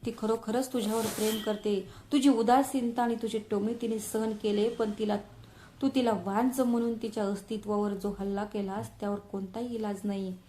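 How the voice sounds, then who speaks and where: A woman's voice: medium pitch, fairly even intonation, moderate pace, mellow, lightly acted. A woman voicing an older mother who speaks to her son in a trembling, tearful way, in a storybook reading. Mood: grieving. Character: grieving older mother, tender and reproachful. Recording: roomy echo.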